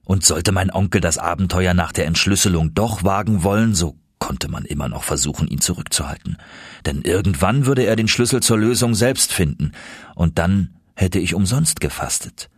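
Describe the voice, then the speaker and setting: A man reading first-person audiobook narration in a steady, measured storytelling manner. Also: low-pitched, slightly rough, dry recording, clean studio sound.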